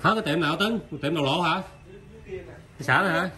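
A man's voice: high voice, fast, over a noisy crowd. A man with a Mekong Delta Vietnamese accent hosting a vlog, chatting casually and teasing, laughing often. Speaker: vlog host. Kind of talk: casual chat.

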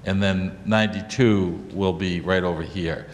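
An older man's low, steady voice comes through a handheld mic as he walks around a wood-paneled council chamber, a little slowly explaining a lot plan to the planning board at a public meeting. He stumbles through many fillers and restarts, and the chamber adds echo and light noise.

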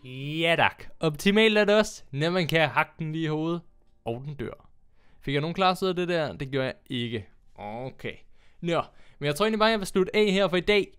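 A young man chatting casually as he plays a game on his channel, excitable and quick to laugh. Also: fairly high pitch, clear, resonant tone. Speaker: gaming YouTuber. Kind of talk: casual Minecraft commentary.

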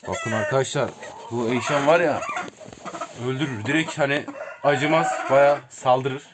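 A man's voice: medium pitch, a little slow. A man casually showing viewers around his outdoor chicken coops, chatting to them as friends and calling out to his birds. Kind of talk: casual vlog narration. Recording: noisy outdoor audio with chickens clucking and roosters crowing. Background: hens clucking and roosters crowing.

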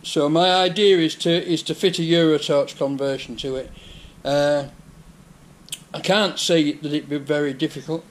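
A man's voice: fairly high pitch, a little hiss or hum. Older Yorkshire man explaining a repair. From England. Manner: chatty, explaining repairs step by step. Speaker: vlogger. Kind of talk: casual workshop vlog. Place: indoor workshop garage. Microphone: head-mounted action camera.

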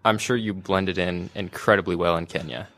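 A man's voice: deep voice, steady tone, moderate pace, a bit bright. A man hosting a podcast interview, reading an upbeat intro and then asking joking questions. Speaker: podcast host.

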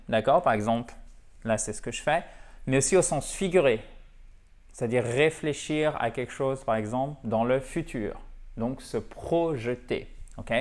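A man at a whiteboard teaches an English lesson in French, his voice sitting at an ordinary middle pitch. He is animated and talkative, often stopping to check that his viewers follow, and he slips English example phrases into his French explanations. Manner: animated, repeats and checks in with "d'accord?" and "ok?". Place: classroom-style room with a whiteboard.

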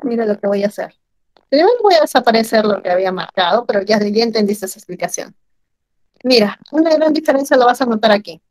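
Lively, high-voiced woman teaching. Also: quick pace, poor audio. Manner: animated, questions students often. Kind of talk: online grammar class.

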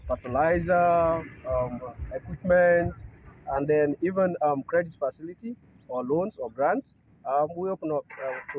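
A man in his forties speaks in an outdoor field interview, pausing often with ums as he explains. The recording is a little dull, with faint wind and vehicle noise behind him. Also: a little high. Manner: hesitant, many ums, plain explanatory. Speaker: farm company CEO. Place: open rice field outdoors.

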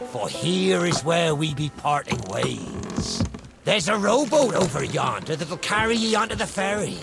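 An actor playing a gruff old skeleton captain in a video game, wistful and boastful like an old fisherman. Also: high-pitched, heavily acted. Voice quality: gravelly. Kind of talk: video game character acting. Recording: game music behind the voice.

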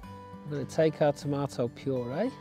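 A man's voice: on the high side, steady tone, moderate pace, over music. A middle-aged man from England, walking through an outdoor cooking tutorial in a friendly, step-by-step way, recorded outdoors in woodland. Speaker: family nature educator.

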